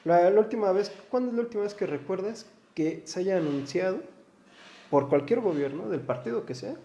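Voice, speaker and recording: A man's voice: high voice, a little fast, dark tone, echoey room, highs cut off. A man with a Mexican Spanish accent, a lawyer and guest in a studio interview, talking earnestly and stammering on his opening words.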